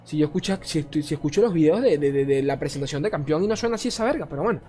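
A lively man talks through game cards in an offhand, chatty review. He curses freely, gets worked up and trips over names he can't recall. Faint music plays underneath. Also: on the high side, rapid-fire. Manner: animated, swearing, ranting, often stumbling over forgotten names. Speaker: card game content creator. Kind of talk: casual card review commentary.

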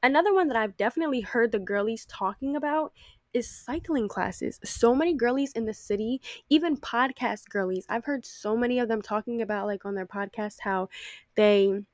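A woman's voice: fairly high pitch, normal speed, no echo, clean studio sound. A young woman hosting a casual solo podcast, chatty and playful, with many asides and a lot of "like". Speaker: podcast host.

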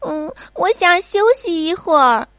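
A woman voicing a small, easily frightened child in a bedtime storybook, with a high pleading voice. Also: lively intonation, unhurried, fairly bright tone, no echo, clean studio sound, heavily acted. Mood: relieved. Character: small scared little child, whiny.

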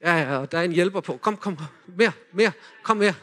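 A man in a lively sermon, retelling a Bible story and directing volunteers as they act it out. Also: sits high. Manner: animated, directs volunteers with quick cues.

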